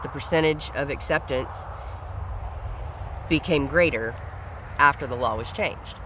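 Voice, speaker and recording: A man's voice: mid-range voice, measured pace, background noise. A man hosting a solo podcast, speaking in an earnest, reflective way and often repeating words as he thinks aloud. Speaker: podcast host. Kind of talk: solo commentary monologue.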